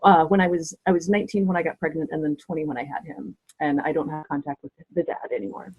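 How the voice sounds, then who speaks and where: This is a woman in her thirties with a mellow, dark-toned voice. She talks about herself openly and matter-of-factly. The sound is dry and close. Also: low-pitched, level tone, quick pace, breathy edge, no echo, muffled recording. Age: 30s. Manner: open, matter-of-fact.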